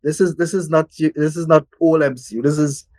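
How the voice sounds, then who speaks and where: A guest speaks carefully, pausing on fillers as he gathers his thoughts. His voice sits slightly high and sounds dry and close. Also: fairly even intonation, darkish tone, no room sound. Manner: measured, halting with fillers. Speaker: guest panelist. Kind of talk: casual film review chat.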